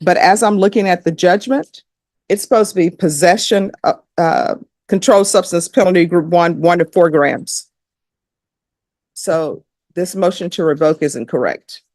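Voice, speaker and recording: A woman's voice: on the low side, normal speed, a little mellow, dry recording, studio quality. A woman judge, presiding over a court hearing in a firm, direct manner.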